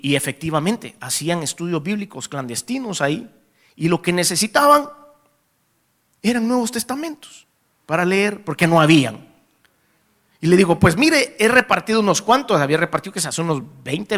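A Salvadoran preacher giving a testimony, his voice bright and fairly high as he tells an animated story. He keeps turning to the congregation as brothers, and his pitch swings widely. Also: moderate pace. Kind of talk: sermon testimony.

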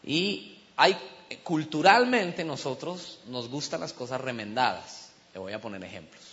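A man's voice: mid-range voice, animated, measured pace, a bit bright. A man from Colombia, preaching a sermon as humorous storytelling and asking the congregation questions. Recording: dull sound with long hall reverb.

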